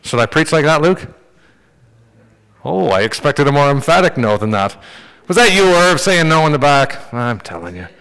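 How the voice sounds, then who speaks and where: A man preaching a sermon in a relaxed, conversational way, joking with the congregation. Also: fairly high pitch, moderate pace, clean tone. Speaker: pastor. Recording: long hall reverb.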